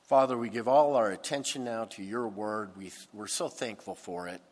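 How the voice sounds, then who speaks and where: A pastor preaching a sermon into a pulpit microphone, with a deliberate, emphatic delivery. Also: male voice, on the low side. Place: church sanctuary. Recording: long church hall reverb.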